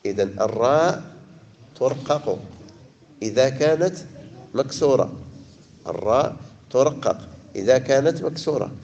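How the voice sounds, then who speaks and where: A man with a Moroccan Arabic accent leads a Quran recitation class in a mid-range voice. He draws verses out slowly and carefully, then speeds up to explain each rule to his students. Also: mid-range voice, lively intonation, vocal fry, a little mellow, dull audio. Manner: switches between slow, drawn-out verse recitation and brisk explanations to students. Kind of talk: tajweed lesson.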